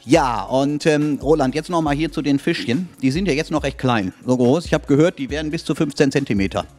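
A middle-aged man hosts a casual talk show in a spa studio, joking and chatting into a handheld mic. His voice is a little high and a little mellow, his delivery brisk, with soft music playing in the background.

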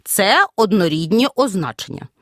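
A woman teaching a scripted audio grammar lesson, speaking clearly and measuredly and stressing each example. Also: mid-range voice, sing-song, moderate pace, dry recording, clean studio sound. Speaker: Ukrainian language teacher.

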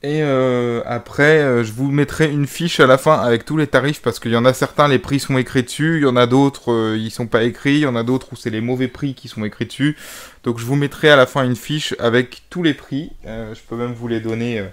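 A young gaming vlogger shows off his game purchases to camera in a casual video, recorded on a camera mic. His medium-pitched voice is fairly quick with fairly even intonation, and he rambles hesitantly, full of fillers, moving around and handling boxes as he talks.

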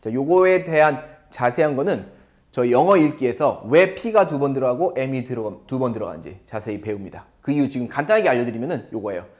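A man's voice: medium pitch, darkish tone. A man teaching an English lesson to viewers in a playful way, asking them questions.

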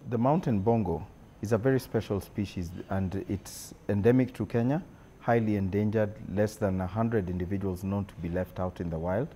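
A man giving a measured, halting expert explanation in an unscripted interview. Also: on the low side, mellow. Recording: noticeable ambient background noise.

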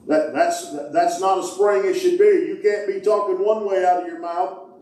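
A middle-aged man preaching as pastor, calling out to his congregation and shouting with fervor. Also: high-pitched, steady tone, moderate pace, far from the mic. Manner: fervent preaching, calls out to the congregation, shouts "woo". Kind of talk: sermon. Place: church sanctuary, indoors. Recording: echoey church hall from afar. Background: congregation responding.

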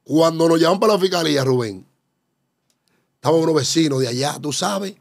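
A man's voice: on the high side, brisk, creaky, no room sound, studio quality. A man with a Dominican accent fervently telling his personal testimony as a guest, often calling out to the host. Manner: fervent, keeps exclaiming about faith and addressing the host.

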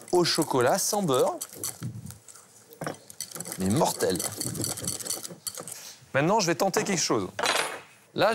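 A pastry chef talks viewers through a recipe, brisk and instructive, his voice sitting fairly high for a man. Clatter and clicks of a busy kitchen run behind him. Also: background noise. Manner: instructive, brisk, addresses viewers with "regardez" and "hein". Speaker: pastry chef teaching a master class. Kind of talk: cooking demonstration.

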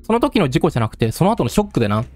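A man voicing a rough-talking male storyteller who taunts the listener in coarse street speech. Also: on the high side, sing-song, racing, a little mellow, faint music behind. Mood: taunting. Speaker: game let's-play narrator.

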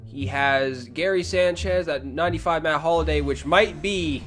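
A man's voice: on the high side, normal speed, fairly bright tone, soft background music. A young man giving casual gameplay commentary as a video host, reacting aloud to plays and complaining in exasperation. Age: young adult.

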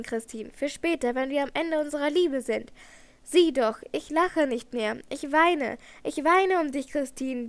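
A woman's voice: high voice, dry recording. A woman voicing a raging disfigured phantom. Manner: roaring, mocking, raised voice. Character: disfigured masked man, furious and obsessive.

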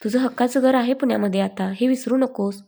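Woman reading a confident teasing young cop, playful, mellow higher voice, storybook. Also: a little fast, creaky. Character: young man, confident teasing police officer.

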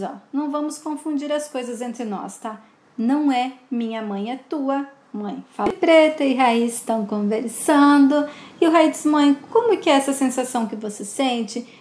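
High-pitched woman narrating a soap recap, chatty, roomy echoey sound. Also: a little mellow. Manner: chatty, comments on the characters. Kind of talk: casual retelling with read-out dialogue. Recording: roomy echo.

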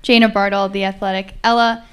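A woman's voice: mid-range voice, level tone, brisk, a bit bright, smooth. A woman reporter asking questions at a press conference in a conversational way.

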